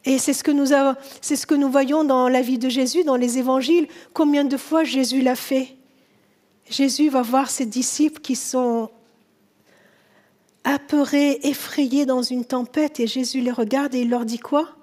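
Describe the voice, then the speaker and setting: A woman pastor preaching a sermon in church, earnest and direct, dropping to soft tender tones and rising when she voices biblical characters. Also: sits high, steady tone, moderate pace.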